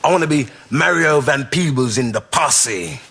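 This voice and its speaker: A man's voice: medium pitch, expressive, moderate pace, vocal fry, fairly bright tone, slightly rough, full character voice. A man in a sitcom, reluctant and grumbling. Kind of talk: sitcom acting.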